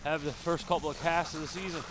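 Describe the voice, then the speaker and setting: A man's voice: fairly high pitch, fast talker. A man, talking casually to camera while out of breath on a wilderness hike, with lots of fillers. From Newfoundland. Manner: relaxed, chatty, with frequent fillers. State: out of breath from hiking. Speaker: outdoor vlogger. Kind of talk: casual vlog talk to camera. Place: outdoors in windy wilderness. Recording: outdoor recording with clear wind and ambient noise.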